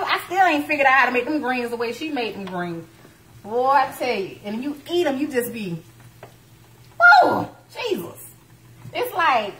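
Woman in her thirties, cooking-show host, playful and lively, phone mic in a home kitchen with faint hiss. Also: on the high side, rough recording. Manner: lively, playful, churchy exclamations, talks to viewers as y'all. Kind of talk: live cooking stream chat. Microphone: phone camera, moving between close and across the kitchen.

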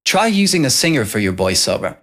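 A man hosting a casual software tutorial, explaining step by step. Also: medium pitch, sing-song, a little fast. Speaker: tutorial host.

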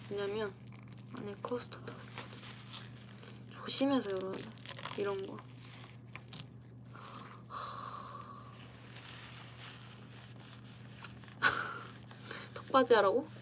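Speaking very slowly with frequent pauses, this young adult idol streamer talks in a medium-pitched voice and a Korean dialect. She's indoors on a computer livestream mic, playfully giggling and responding to viewer comments over some background noise.

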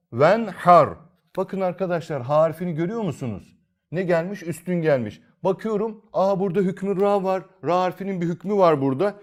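A man's voice: high-pitched, darkish tone. A man teaching Quran reading in a recorded lesson, asking himself questions, repeating key phrases and drawing out example recitations.

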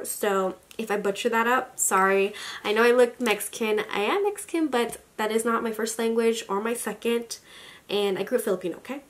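A young woman in her twenties, a beauty vlogger, runs through her makeup haul in a fairly high-pitched voice, gushing and chatty with many likes, fillers and exclamations. She is indoors in a small home room, at a desk some distance from the camera.

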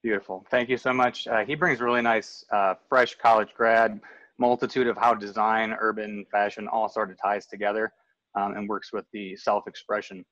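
A man in his thirties with a lowish voice introduces panelists over a video call, relaxed and full of ums and restarts. The sound is dry and a little dull, as from a webcam in a home room. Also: moderate pace, no room sound. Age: 30s. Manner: relaxed, many fillers and restarts. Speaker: panel moderator. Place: home room with framed photos on the wall. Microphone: video call webcam, earbud.

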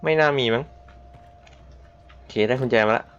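A man's voice: medium pitch, moderate pace, a bit bright. A man streaming a horror game, muttering tensely to himself and yelping when startled. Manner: tense whispery muttering, sudden startled yelps. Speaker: gameplay streamer. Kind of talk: live reactions while playing a horror game. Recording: dull lo-fi sound with faint hiss.

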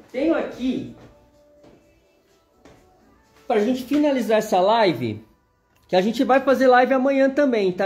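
A man's voice: sits high, a little mellow. A man with a Brazilian Portuguese accent giving a chatty live sewing machine demonstration, constantly pointing things out to viewers.

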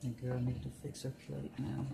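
A woman's voice: rumbling low, monotone, normal speed, creaky. A woman in her home kitchen chatting casually as she walks viewers through each step of a recipe. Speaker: cooking vlogger. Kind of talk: casual cooking tutorial. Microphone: camera on the counter. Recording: noisy home video.

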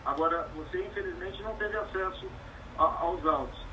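A male lawyer argues insistently and formally on a TV news show. His voice sits somewhat high for a man. Clear crowd noise runs underneath the broadcast. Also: normal speed, low-quality recording. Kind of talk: arguing on live TV.

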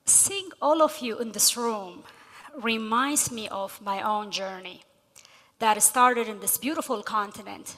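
A middle-aged woman from Ethiopia delivering a prepared speech on stage, measured with emphasis on key words. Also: fairly high pitch, a bit bright. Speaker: guest speaker. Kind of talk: prepared speech read from notes. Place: large convention hall stage. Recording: long reverb of a big hall.

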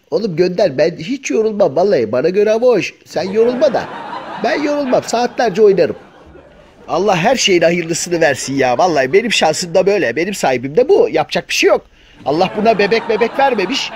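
Guy doing a chatty cheeky house cat, kinda high voice, grumbles and jokes nonstop. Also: big pitch swings, a little fast, crowd noise. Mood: grumbling. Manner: colloquial, joking, full of exclamations. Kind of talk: comic voice-over dubbing of pet videos.

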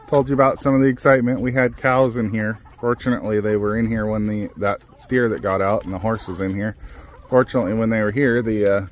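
Filming outdoors on a ranch with chickens and cows around, this male farm vlogger talks fast in a lowish voice, with slight hiss or hum behind him. He chats casually as he does chores, relaxed and rambling, leaning heavily on fillers.

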